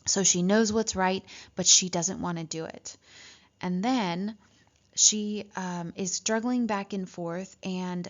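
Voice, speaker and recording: A woman teacher walks her class through a story, reading lines aloud and stopping to explain them. She talks at a middling pitch, checks in with "right?" and fills pauses with "um". The recording sounds dull and lo-fi. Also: fairly even intonation.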